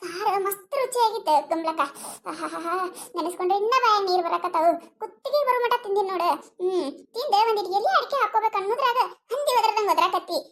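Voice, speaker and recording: A woman's voice: very high voice, quick pace, a bit bright. A woman voicing a sly village neighbour in a cartoon comedy, teasing and protesting her innocence in a North Karnataka accent. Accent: North Karnataka Kannada.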